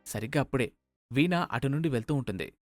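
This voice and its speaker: A man narrating a scripted cartoon moral story in a steady, even manner. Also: mid-range voice, fast talker, no echo, clean studio sound, faint music behind.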